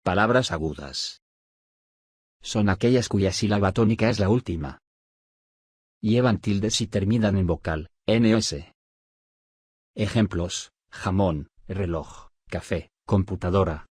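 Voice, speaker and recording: A man reading spelling rules aloud as a scripted study audiobook, in a measured, list-like dictation with pauses. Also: low-pitched, a little mellow, husky, dry recording, studio quality. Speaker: audiobook narrator of a study syllabus.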